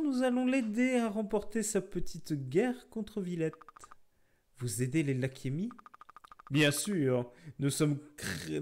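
A sly, seductive demon from a fantasy video game, put on by a man reading the lines aloud. The voice purrs with mock-sweet menace, slow and deliberate, and sits a little high. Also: a little mellow. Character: seductive twin demons, incubus and succubus.

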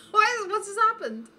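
Very bright, animated British woman streamer. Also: very high-pitched. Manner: chatty, friendly to viewers. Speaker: livestream co-host. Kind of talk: casual chat with viewers. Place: indoor streaming room. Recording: livestream with background noise.

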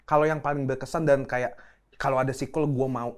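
A man's voice: medium pitch, steady tone, brisk. A man hosting a casual talk show, teasing his guests and laughing often. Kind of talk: casual banter interview.

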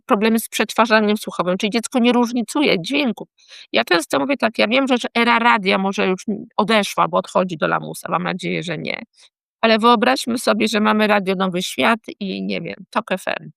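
A woman's voice: medium pitch, vocal fry, dry recording. A woman teacher explaining warning signs of dyslexia to parents and teachers, often checking in with short tag questions. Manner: lively, checks in with tag questions like "tak?" and "hmm?".

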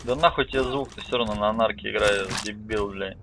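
A man's voice: on the low side, brisk, creaky. A man giving casual gameplay commentary in blunt, profane, slangy exclamations. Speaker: gamer. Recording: very noisy, gunfire over the voice. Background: loud game gunfire.

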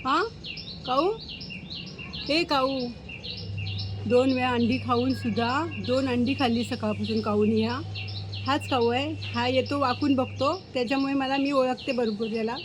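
A high-pitched woman talks casually at home and keeps coaxing a crow to come and eat. Loud cawing and outdoor noise sit behind her on a phone recording. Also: steady tone, normal speed. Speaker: vlogger. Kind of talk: casual home vlog, talking to camera.

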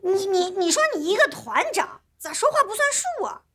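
Sassy sharp-tongued young woman. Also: extremely high pitch, very animated, moderate pace, heavily acted. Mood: scornful. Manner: blunt, scolding, sassy.

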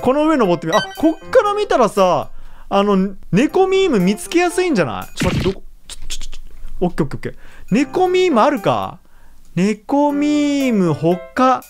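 A woman giving casual let's-play commentary, chatty and excitable, laughing often as she reacts. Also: fairly high pitch. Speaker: gaming YouTuber.

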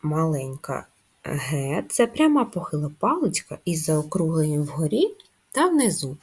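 A woman teaching young children to write letters, speaking slowly and gently with clear instructions. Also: sits low, sing-song. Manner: slow, gentle and instructive, addressing young pupils. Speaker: primary school teacher. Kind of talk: children's handwriting lesson.

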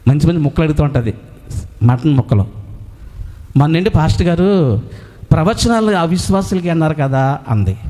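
A man's voice: fairly high pitch, mellow, long reverb tail. A man preaching a sermon as a pastor, who asks rhetorical questions and answers them himself, with frequent hallelujahs.

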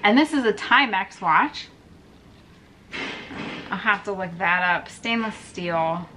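In a metal storage unit indoors, a reseller vlogger in her thirties talks slowly and expressively in a mid-range voice, with background noise around her. She sorts through items and offers wry, casual commentary to the camera on each one.

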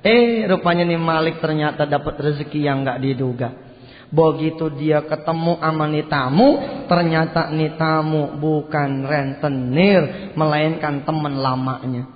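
A man preaching a sermon, telling a story in lively, colloquial speech and acting out the dialogue. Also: a little high, measured pace, long reverb tail, lo-fi sound.

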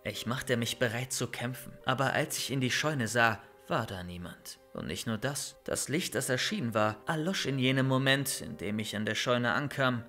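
A young man reading a first-person horror story as scripted narration, calm and steady. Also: mid-range voice, normal speed, hardly any pauses, soft background music. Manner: calm storytelling, loud shouted calls in scenes.

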